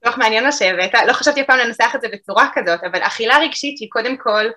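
A woman calmly explaining emotional eating to an interviewer, in a reflective, explanatory way. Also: on the high side. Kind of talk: podcast interview answers.

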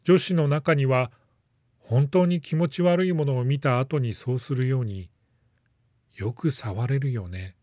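Calm man reading a story, dry. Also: medium pitch, normal speed, dry recording. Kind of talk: scripted narration.

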